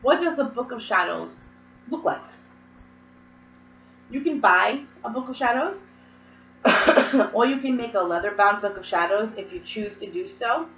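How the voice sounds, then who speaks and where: A woman's voice: on the high side, expressive, a little slow, long pauses, a bit bright, a little hiss or hum. A woman with a cold explaining a hobby practice in a casual, rambling way with many fillers and asides. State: hoarse from a cold, occasional coughs. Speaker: host. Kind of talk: casual instructional talk. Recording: roomy, distant, dull mic.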